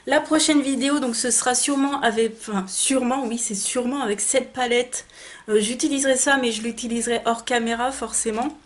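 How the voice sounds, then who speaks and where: A young woman talking to her viewers in a relaxed beauty vlog. Her voice sits a little high, and she rambles warmly and effusively, with frequent fillers and self-corrections. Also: fairly quick. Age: 20s. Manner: chatty, effusive, many fillers and restarts. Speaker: beauty vlogger. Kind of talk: casual haul video chat.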